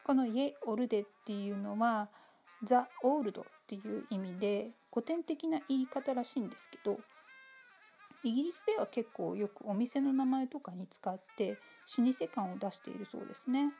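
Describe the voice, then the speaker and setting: A woman giving relaxed, casual spoken commentary on a TV episode, polite and chatty with many fillers. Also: fairly high pitch, normal speed, faint music behind.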